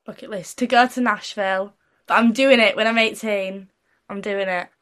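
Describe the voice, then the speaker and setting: A woman's voice: mid-range voice, steady tone, normal speed, a bit bright. A teenage girl from Britain chats as an interview guest. She rambles through her answers, full of fillers, and keeps breaking into giggles. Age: teens. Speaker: interview guest, young singer. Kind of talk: casual interview chat.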